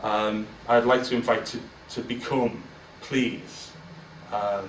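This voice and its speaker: A guest speaker in his forties speaks slowly in a steady, low-leaning voice, giving a candid, self-deprecating informal business speech packed with fillers and restarts. He addresses an audience in a large event room. The distant mic produces a roomy sound with faint ambience and a little hiss or hum.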